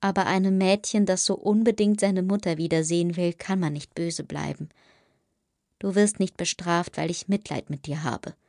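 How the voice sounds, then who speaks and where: Stern motherly maid, scolding but soft underneath, as a woman reader voices her; lowish, dry close audiobook sound. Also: steady tone, normal speed, no echo, lightly acted. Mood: firm, pitying. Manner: scolding, firm. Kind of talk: audiobook dialogue reading.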